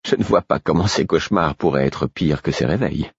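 A brusque female prison guard, as a male audiobook reader puts her on, rendered in a very deep, husky register. The sound is dry and slightly dull. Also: brisk, no echo, heavily acted. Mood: mocking. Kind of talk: audiobook reading.

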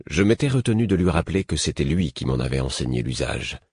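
A man reading a novel aloud as a measured narrator in the first person, on a close studio mic. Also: rumbling low, big pitch swings, darkish tone, slightly rough, dry recording. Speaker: audiobook narrator. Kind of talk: scripted narration.

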